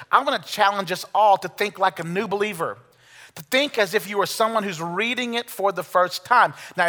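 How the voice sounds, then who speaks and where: An American man in his forties preaching a sermon as a pastor, reading scripture and speaking with emphatic pauses. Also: sits high, bright, forceful tone. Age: 40s. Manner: emphatic, rhetorical questions and pauses. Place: large reverberant room before a congregation. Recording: long hall reverb.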